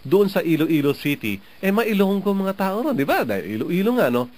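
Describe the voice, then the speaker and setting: A man's voice: high-pitched, sing-song, brisk, a little mellow. A man from the Philippines hosting a program, giving casual advice to listeners in a chatty way, often tagging "no?" onto his sentences. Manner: chatty, often adds "no?" and laughs. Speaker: radio program host.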